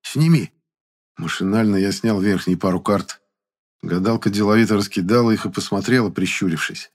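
Man, low voice, first-person audiobook narration, wry, matter-of-fact. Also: steady tone, a little fast, husky.

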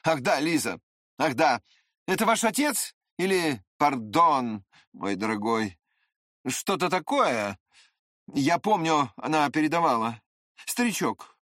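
A reader voicing a feverish, muddled nobleman in an audiobook, speaking in halting, rambling phrases. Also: a little high, very animated, a bit bright, no room sound, clean studio sound, exaggerated voice.

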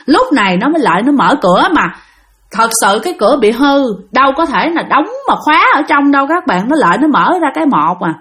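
Southern vietnamese lady retelling ghost stories, kinda high voice, swoops up and down a lot, talks right to the listeners. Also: fast. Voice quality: lively, dramatic retelling with chatty asides to listeners. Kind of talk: casual spoken storytelling.

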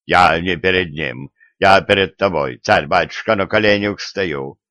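A man's voice: low voice, measured pace, sharp tone, dry recording. A man voicing a zealous, fawning male executioner in an audiobook, talking in an eager, pleading, servile way. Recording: dull, dry lo-fi recording.

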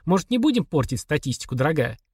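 A man's voice: a little high, fast talker, husky, no echo, clean studio sound, exaggerated voice. A man doing a cold, sneering husband. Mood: sarcastic. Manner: calm, flat, sarcastic. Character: cold, sadistic, mocking husband.

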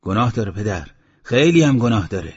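A man's voice: on the low side, very animated, slightly rough, no room sound. A man voicing an uneasy, pitying male villager, on a dull lo-fi audiobook recording. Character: anxious male villager feeding the beast.

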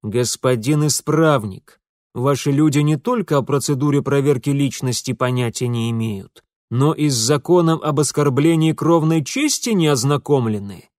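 A man's voice: mid-range voice, measured pace, few pauses, a little mellow, no echo, close to an everyday voice. Man voicing a cold aristocratic nobleman, formal, lecturing, dry recording. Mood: stern.

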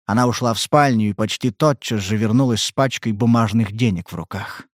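A man's voice: lowish voice, brisk, no room sound. Man narrating an audiobook, dry sound. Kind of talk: scripted narration.

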